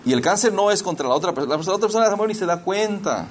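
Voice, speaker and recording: A man's voice: high voice, lively intonation, racing, a little hiss or hum. A middle-aged man preaching a sermon in a conversational way, slipping into English phrases and often restarting his sentences. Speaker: pastor.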